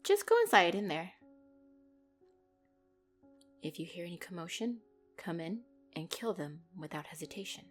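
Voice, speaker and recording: Acting in a dramatic audio roleplay over music, a woman plays a commanding female mafia boss, possessive and icily playful. Her pitch swings with great liveliness at a measured pace while she stays controlled and condescending, coating threats in mock sweetness with a low sense of menace.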